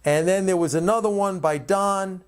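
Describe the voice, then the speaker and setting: A man with a high-pitched, clean-toned voice speaks at normal speed, hosting his own commentary. He talks off the cuff in an emphatic, opinionated way.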